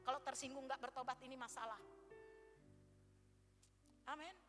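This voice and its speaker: A woman pastor preaching a sermon, telling a personal story and rising to loud, emphatic exhortation. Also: sits high, fairly even intonation, moderate pace, soft background music. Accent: Indonesian. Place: large church hall. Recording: live church stream, reverberant hall.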